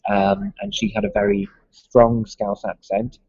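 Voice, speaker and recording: A man's voice: sits high, big pitch swings, unhurried, vocal fry, darkish tone, breathy edge, dry recording. A man from Liverpool with a mild Liverpool accent, a music school owner answering interview questions hesitantly, with many ums and restarts. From Liverpool, England. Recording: dull lo-fi sound.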